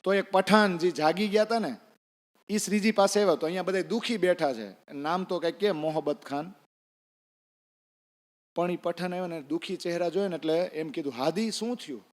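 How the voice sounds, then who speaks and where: In a temple hall, a preacher with a high voice tells a devotional story during a sermon at a moderate pace, acting out the characters' lines and asking listeners questions. Long reverb from the hall fills the recording.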